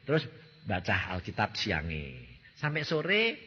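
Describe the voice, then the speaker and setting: Animated Javanese-accented preacher in an echoey hall. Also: male voice, on the low side, unhurried, slightly rough, muffled recording. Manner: animated, questioning the congregation. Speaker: pastor. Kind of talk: sermon.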